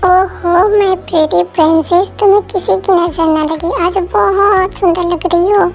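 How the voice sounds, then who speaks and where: A woman's voice: very high-pitched, fairly even intonation, slow, soft background music, full character voice. A woman doing a doting, chiding young friend. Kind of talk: amateur dubbed story.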